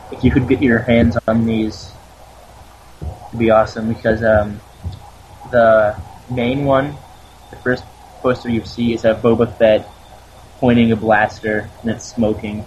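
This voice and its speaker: A man with a sore throat co-hosting a casual fan podcast, laid-back and speaking quietly. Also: medium pitch, fairly even intonation, measured pace, pauses often, muffled recording, a little hiss or hum. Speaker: podcast co-host.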